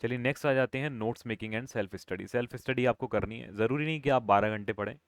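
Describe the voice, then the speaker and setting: A man's voice: medium pitch, brisk, no echo, clean studio sound. A male coaching instructor giving an exam-prep lesson, switching between Hindi and English phrases and repeating key points with tag questions.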